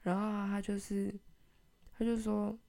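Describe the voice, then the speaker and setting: A woman's voice: mid-range voice, completely flat delivery, moderate pace, vocal fry, warm tone. A young woman telling a rambling family story on her podcast at home, full of fillers and giggles. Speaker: podcast host.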